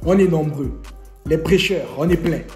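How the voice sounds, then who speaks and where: A man's voice: fairly high pitch, moderate pace. A young man vlogging a storytime, joking and laughing as he tells it. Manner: lively, joking storyteller who laughs often. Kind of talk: storytime vlog. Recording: echoey room, faint music.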